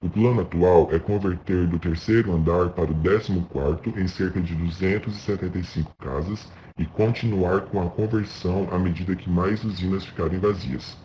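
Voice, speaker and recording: A man's voice: deep voice, normal speed, hardly any pauses, mellow, slight background noise, natural voice. A young Brazilian man speaking as a modernist architect proud of his corporate buildings, reading a formal script matter-of-factly for a class project. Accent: Brazilian Portuguese. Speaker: architecture student. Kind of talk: scripted first-person narration for a class project. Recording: slightly dull lo-fi recording.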